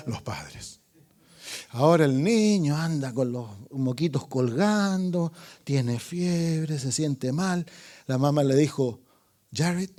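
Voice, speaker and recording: High, animated preacher man. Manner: dramatic, swinging from loud calls to hushed asides; asks the congregation questions, calling for amens. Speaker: pastor. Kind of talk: evangelistic sermon.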